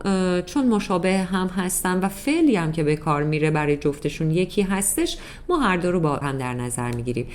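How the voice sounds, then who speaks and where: A woman's voice: on the low side, darkish tone. A woman teaching a beginner English grammar lesson in Persian, patiently explaining step by step and repeating examples. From Iran.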